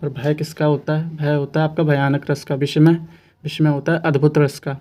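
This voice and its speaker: Mellow-voiced male exam coach, flat delivery. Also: fairly high pitch, a little fast. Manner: patient, repeats questions and answers, asks rhetorical questions. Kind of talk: explaining quiz answers to students.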